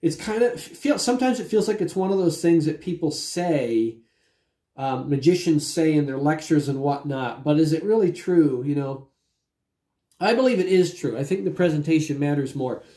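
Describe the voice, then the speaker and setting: A man's voice: fairly high pitch, animated, normal speed, mellow. A man in his forties with a cold, talking casually and explaining things with a lozenge in his mouth. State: getting over a cold. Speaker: magician discussing technique. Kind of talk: casual explanatory vlog talk. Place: timber-framed dining room at home, indoors. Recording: roomy echo.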